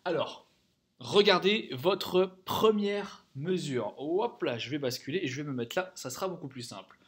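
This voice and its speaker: A man's voice: on the high side, expressive, moderate pace. A man teaching a music theory lesson, counting rhythms aloud, singing note names and checking in often with the class.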